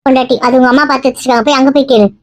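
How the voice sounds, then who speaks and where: A woman acting a scolding mother in a family drama skit, sharp and shrill when angry. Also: steady tone, rapid-fire, dry recording. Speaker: vlogger acting family skits.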